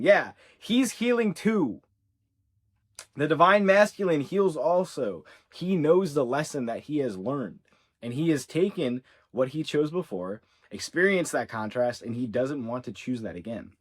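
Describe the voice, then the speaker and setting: A man's voice: a little high, animated, measured pace. A man working as a spiritual coach, giving a channeled reading to his viewers in an earnest, reassuring way. He talks casually, fills his speech with "like" and "yeah", and repeats his key points. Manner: conversational with fillers like "like" and "yeah". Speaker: ascension coach.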